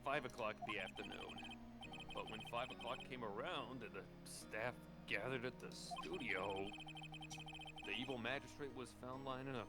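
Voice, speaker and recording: A man voicing a gentle, downcast actor of TV heroes in a video game dub, with a gravelly, hesitant delivery. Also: mid-range voice, moderate pace, lightly acted. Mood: somber recounting. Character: gentle downcast male TV hero actor, unmasked. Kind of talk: acted video game dubbing. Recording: loud music behind the voice.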